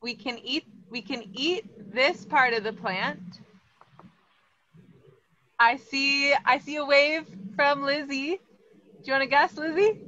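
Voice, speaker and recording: This American-accented Los Angeles woman in her thirties teaches an upbeat online plant class from inside a greenhouse, asking her viewers questions. Her high voice moves slowly with long pauses and carries a bright, forceful tone. There's slight background noise, and the video call audio from a laptop or webcam is somewhat dull.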